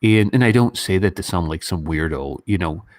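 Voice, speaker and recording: There's no room sound in this studio-quality clip of a low-voiced man from a Western country hosting a relaxed online livestream. At a moderate pace he rambles informally through chat and commentary, growing animated when mimicking others.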